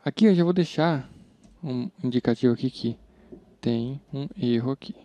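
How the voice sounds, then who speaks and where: A man with a Brazilian accent walks through code in an easygoing screen recording, talking informally and voicing his thoughts as he works. His voice is medium-pitched and warm at a moderate pace. The recording is dry, dull and a touch lo-fi.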